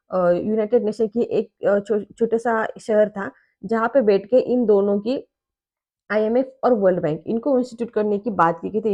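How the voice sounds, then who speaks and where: A woman's voice: medium pitch, dark tone, lo-fi sound. A woman explaining an exam-prep lesson in a conversational way, often asking her students if they follow. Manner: conversational, asks checking questions.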